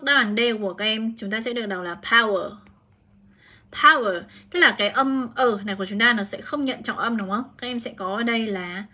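In a live-streamed exam prep lesson, a female English teacher from Vietnam chats her way through each answer, explaining it step by step. Her voice runs on the high side, with a bright, forceful tone.

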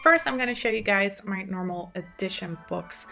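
Over music, a thirtysomething Dutch woman with a native Dutch accent chats enthusiastically as a video host, mixing on-camera presentation with voice-over. She's from the Netherlands and speaks at a moderate pace in a creaky, mid-range voice.

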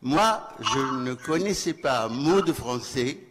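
Holding a handheld microphone, an older Tunisian professor of French joins a round-table discussion, thinking aloud in a measured way with hesitant fillers. His voice is medium in pitch and expressive. He is in a big festival hall with a curtained stage, where the sound echoes and background noise is audible.

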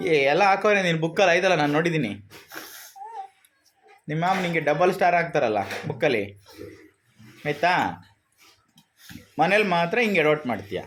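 A man's voice: a little high, animated, moderate pace, pauses often. A man talking with his young daughter, coaxing and mildly scolding her through repeated questions. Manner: coaxing, gently scolding, keeps asking questions. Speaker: father, vlogger. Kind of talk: casual family chat.

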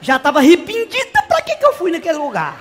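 A very high, singsong woman with a country drawl gossips and shrieks through a comic tale on stage, as a man puts her on. The voice swoops wildly up and down with theatrical exaggeration. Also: huge pitch swings, quick pace, long reverb tail, heavily acted. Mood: gossiping. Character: brash rural middle-aged woman, chatty and dramatic. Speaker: stage comedian. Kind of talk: live stand-up character monologue. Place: live stage show.

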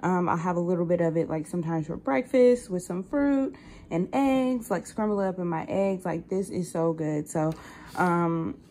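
A woman's voice: on the low side, mellow, slight background noise. A young woman vlogger chatting casually about her groceries, upbeat and full of fillers, filmed on a phone in her home kitchen. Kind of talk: casual grocery haul chat. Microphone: phone camera held close.

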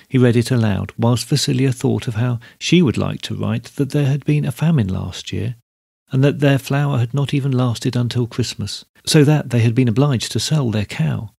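A man narrating a classic short story in a measured, steady storybook reading. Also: medium pitch, vocal fry, breathy edge, no echo, clean studio sound. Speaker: podcast host reading a story.

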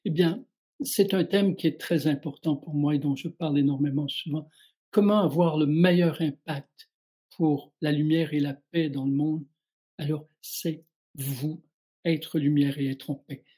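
A middle-aged man hosting a live spiritual guidance show, calmly and reflectively answering viewers' questions and speaking directly to them. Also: on the high side, measured pace, breathy edge. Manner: calm, reflective, addresses listeners directly.

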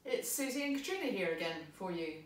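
A woman's voice: medium pitch, sing-song, fast talker. Woman music tutor, upbeat and encouraging, heard from a distance in a very echoey room. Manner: cheerful, encouraging, explains step by step. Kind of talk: friendly instructional talk. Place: unfamiliar large venue.

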